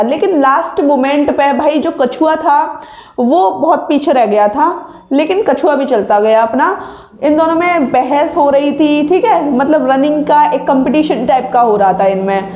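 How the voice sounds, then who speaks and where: A young woman hosts an exam-prep video, coaching viewers informally and didactically while frequently tossing in tag questions to check they're following. Her voice is high and a little mellow, recorded in an echoey, untreated room.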